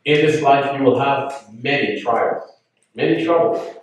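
A man's voice: mid-range voice, measured pace, heavy reverb, far from the mic, rough recording. A man preaching a sermon, teaching earnestly and reading scripture aloud.

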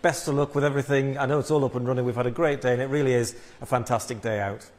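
A man's voice: mid-range voice, fairly even intonation, racing. A man working as a TV news reporter, narrating a regional report and interviewing on location.

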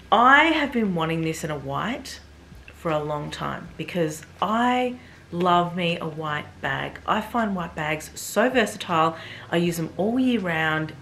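A woman's voice: lowish voice, fairly bright tone, a little hiss or hum. A woman in her thirties chatting enthusiastically to viewers as she unboxes and reviews a bag. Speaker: fashion vlogger. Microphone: camera mic.

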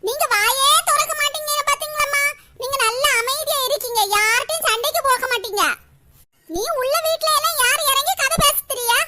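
A woman voicing a loud, sharp-tongued village woman in a cartoon, scolding and sarcastic. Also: extremely high pitch, a little hiss or hum, heavily acted. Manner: scolding, sarcastic, rapid complaints. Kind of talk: animated cartoon voice acting.

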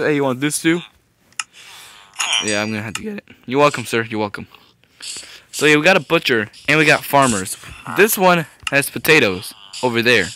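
A young man hosting casual gameplay commentary. He swears often, gets excited easily and keeps restarting his sentences. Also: medium pitch, noisy background. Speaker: gaming video host.

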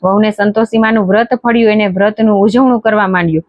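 A woman storyteller reading a devotional folk tale in a measured, steady way. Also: medium pitch, dry recording. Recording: dry, dull lo-fi recording.

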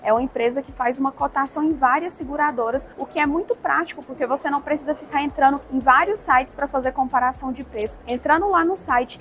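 A woman's voice: sits high, slight background noise. A woman from Brazil narrating a travel vlog in a friendly, chatty way, talking straight to her viewers. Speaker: travel vlogger.

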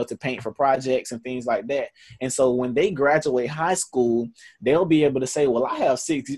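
Speaking in a husky mid-range voice with a darkish tone, the camp founder, a Southern US man in his twenties, answers earnestly in a conversational interview. His talk is loose, with many fillers and false starts.

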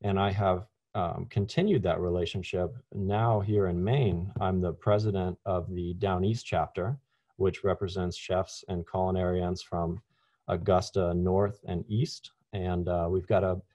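A middle-aged man, a chef, giving a relaxed online webinar talk over a video call, with frequent ums and restarts. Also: deep voice, a little slow, no echo. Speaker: chef and food science presenter. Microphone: video call webcam.

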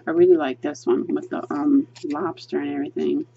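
Seated at a table indoors, a woman flips through a coloring book on camera, her hands turning the pages as she reviews it in a chatty, gushing way, thinking aloud with lots of ums. Her low voice has vocal fry and fairly even intonation and moves briskly, while the recording has cut-off highs and a noisy background.

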